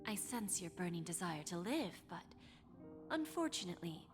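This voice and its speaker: Classy mysterious game shopkeeper, formal n teasing, really lilting, music behind. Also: female voice, fairly low pitch, very animated, moderate pace. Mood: knowing, composed. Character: poised, courteous, enigmatic female pawnshop owner. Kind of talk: video game voice acting.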